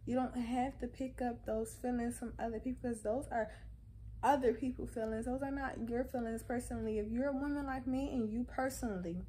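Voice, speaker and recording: Mellow higher-voiced woman, insistent opinion vlog. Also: fairly even intonation, a little fast, slight background noise. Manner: conversational and insistent, repeats phrases for emphasis. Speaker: vlogger. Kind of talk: casual opinion monologue to camera.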